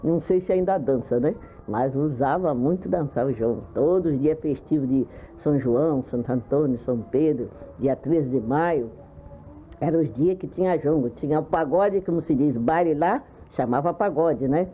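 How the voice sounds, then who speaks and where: Brief: woman in her 70s from Brazil, oral history interviewee, plain unhurried memories, thin phone-like archive sound. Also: sits low, mellow, a little hiss or hum. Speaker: interviewee recalling her childhood.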